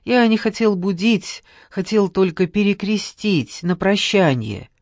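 A woman voicing a stooped, guilty aging father who speaks softly and apologetically to his daughter. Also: mid-range voice, animated, a little slow, no room sound, clean studio sound. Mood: apologetic. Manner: soft, apologetic.

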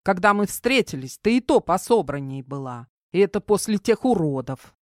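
A woman reading an audiobook, voicing a gruff young man who grumbles and teases dryly. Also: fairly low pitch, lively intonation, normal speed, darkish tone, no echo, studio quality, close to an everyday voice. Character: young man survivor, gruff, wry and protective.

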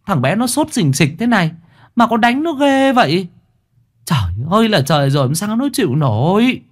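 A kind old neighbor woman, pleading softly and fretting in a raised voice, as a man puts her on. Her pitch lifts and falls with feeling. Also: wildly swooping pitch, unhurried, heavily acted. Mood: alarmed. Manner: soft, pleading and fretful. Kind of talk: storytelling with character voices.

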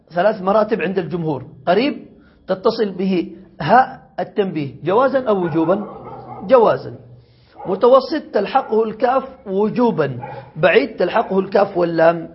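A man's voice: sits high, breathy edge, muffled recording. A man teaching an Arabic grammar lesson to a class, stretching out his words and often checking whether the students follow. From Yemen. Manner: questions the students, drawn-out words.

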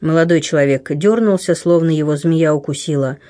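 A man narrating an adventure novel in a measured, expressive storytelling manner. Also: on the high side. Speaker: audiobook narrator. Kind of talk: scripted narration.

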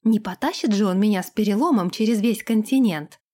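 A woman's voice: medium pitch, fairly quick, close to an everyday voice. A woman voicing a spoiled, imperious young princess who snaps and gives orders in an audiobook. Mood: commanding. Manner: haughty, sharp-tongued, commanding. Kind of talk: audiobook character voice.

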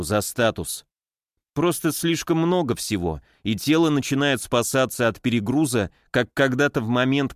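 A man giving a calm, measured psychology lesson, speaking directly to the listener in scripted narration. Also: medium pitch, dry recording, studio quality. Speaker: psychology lecturer.

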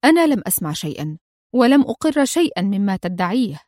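A woman voicing a calm, stern male crime boss in a read-aloud spy story. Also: on the high side, brisk, dry recording, studio quality, lightly acted. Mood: stern grave. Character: grave, commanding older male crime boss.

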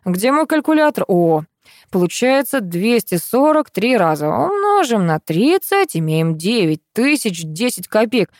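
A woman voicing a brash, crafty male loader who haggles in rough slang. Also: medium pitch, big pitch swings, a little slow, no echo, studio quality, pitched above the performer's own voice. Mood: cocky.

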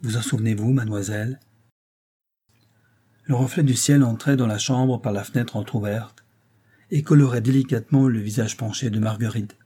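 A man narrating a novel as an audiobook reader, in a calm, measured delivery. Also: mid-range voice, slightly rough.

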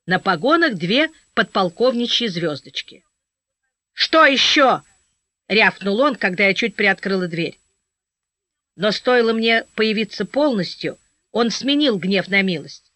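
A woman narrating a first-person audiobook story in a steady storytelling manner, voicing the dialogue. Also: medium pitch, unhurried, dry recording. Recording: dry, slightly dull audio.

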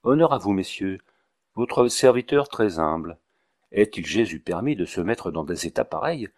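A man's voice: low-pitched, animated, moderate pace, darkish tone. A man voicing a fussy, long-winded male village doctor who speaks in a pompous, ceremonious way.

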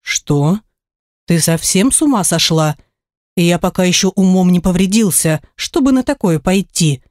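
A woman's voice: on the low side, expressive, measured pace, darkish tone, no echo, studio quality. A woman voicing a grumpy, bungling male spirit who talks bluntly in an audiobook. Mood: indignant. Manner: blunt, irritable.

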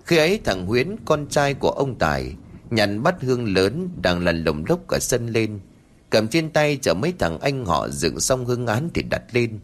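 A man reading a ghost story aloud in a dramatic, expressive manner. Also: medium pitch, moderate pace, a little hiss or hum. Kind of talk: scripted ghost story narration.

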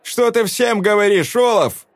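A man reading a story aloud voices a desperate young woman who shouts through tears at a cowering crowd. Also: medium pitch, unhurried, no room sound, pitched above the performer's own voice, natural voice. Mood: furious accusing. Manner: shouting, tearful, defiant.

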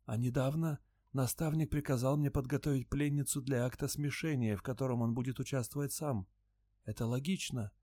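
A man voicing a timid robed alien creature who talks in a soft rustling whisper. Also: medium pitch, no echo, studio quality, pitched above the performer's own voice, close to an everyday voice.

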